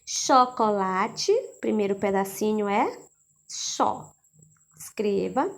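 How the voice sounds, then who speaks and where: A woman with a Brazilian accent, teaching a lesson for young children and slowly sounding out syllables, checking in often. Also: a little high, animated. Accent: Brazilian Portuguese.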